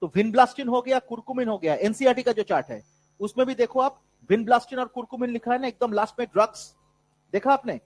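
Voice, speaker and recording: A man with a high voice lectures a biology class in that carries an influence. He switches freely into English for the terms and keeps calling his students "beta". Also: moderate pace, low-quality recording. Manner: mixes Hindi and English, calls students "beta". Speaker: biology teacher.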